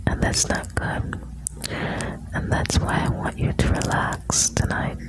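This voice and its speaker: Taking her time, an ASMR host speaks in a close, gentle whisper that feels intimate and calming. She reads short lines aloud and talks quietly to the listener between them.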